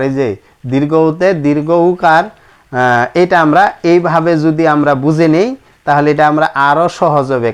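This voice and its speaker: A man teaching Quran reading, explaining patiently and chanting rules in slow, repeated drills. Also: a little high, clear, resonant tone. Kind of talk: classroom-style lesson with chanted rules.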